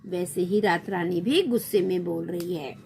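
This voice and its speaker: A woman's voice: fairly low pitch, normal speed, creaky, darkish tone, slight background noise. A woman teacher explaining a school text to children, acting out each line and then repeating and explaining it.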